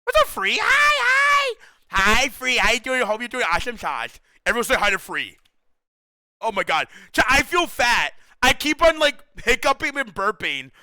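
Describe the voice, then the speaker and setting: A young male streamer with a high, very lively voice that jumps all over the place. His tone is bright and sharp, and his speech comes through smooth and clear on a close mic. He chats excitably with viewers in slangy, casual talk. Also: moderate pace, dry recording. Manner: excitable, slangy, says bro a lot, laughs often.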